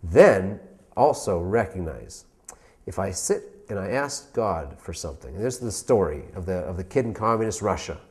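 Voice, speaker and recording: A man's voice: low-pitched, expressive, normal speed, a little mellow. A man, a rabbi, giving an inspirational talk, telling stories and asking emphatic rhetorical questions.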